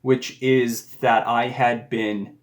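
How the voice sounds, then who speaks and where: Earnest rambling man, mid pitch. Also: flat delivery, takes it slowly. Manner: earnest, rambling, with frequent restarts. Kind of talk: casual reflective monologue.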